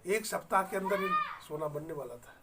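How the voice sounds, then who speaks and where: A man's voice: a little high, expressive, a little fast, distant mic, very noisy. A man giving a spiritual sermon in Hindi, telling a parable and acting out its dialogue, putting questions to the listeners and building up to emphatic lines. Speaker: swami giving a spiritual discourse. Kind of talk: Hindi satsang sermon with storytelling.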